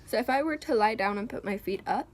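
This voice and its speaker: A woman talking casually to camera as a vlogger, hesitant, with many pauses and ums, at home. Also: on the high side.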